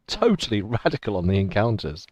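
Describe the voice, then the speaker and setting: A man's voice: lowish voice, wildly swooping pitch, brisk, darkish tone, no echo. A man acting as game master, casually improvising narration for a tabletop role-playing game.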